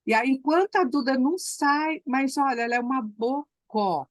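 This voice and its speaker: A woman speaks in a fairly high voice. She tells her story effusively and leans on repeated words for emphasis. The sound is dry and close, with no room echo. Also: moderate pace. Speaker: class participant. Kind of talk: emotional storytelling on a call.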